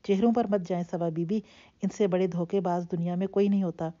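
A woman's voice: lowish voice, lightly acted. Cool, mocking young husband, read by a woman. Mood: cold calm. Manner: calm, assured, mocking. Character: confident teasing young husband, cool and unyielding. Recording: dull lo-fi audio.

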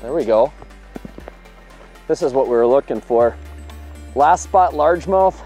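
Faint music plays behind a man in his thirties who makes fishing videos, speaking from an open boat on a lake. His medium-pitched, dark-toned voice is expressive and a little slow as he cheerfully walks through his tackle and his catches in this on-the-water demonstration.

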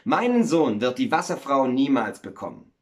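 A man's voice: medium pitch, big pitch swings, moderate pace, a little mellow, close to an everyday voice. A man voicing a worried, luckless miller in a told fairy tale, blurting lines in a raised voice.

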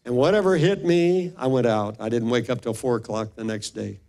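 Older guy pastor telling his story in a sermon, acts out all the voices, middle pitch. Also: brisk, gravelly. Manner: animated storyteller acting out quoted voices.

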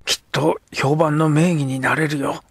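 A man voicing a rough, sulky young Edo street boy who talks in coarse slang. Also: on the high side, fairly even intonation, a little slow, no echo, pitched above the performer's own voice, exaggerated voice. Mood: sulky, gruff. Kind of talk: audiobook character voice.

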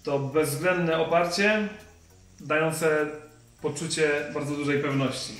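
A young man reviewing skis in a shop, explaining in a measured way and pausing to find his words. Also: a little high, fairly even intonation, fairly bright tone. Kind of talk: product review. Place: ski shop, indoors. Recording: echoey shop with faint music.

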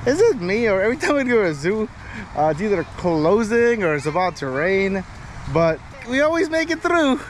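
Walking and talking through a zoo outdoors, a middle-aged family vlogger holds his camera at arm's length and narrates casually. His high-sitting voice is very animated at a normal speed, cheerful and chatty, with outdoor noise around him.

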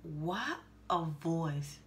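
A woman's voice: deep voice, expressive, drawn-out words, slight background noise. A middle-aged woman hosting a music reaction video, chatting enthusiastically to viewers from a small room. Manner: enthusiastic, repeats words, addresses viewers as guys. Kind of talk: casual reaction commentary. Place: indoors, small room, seated in gaming chair.

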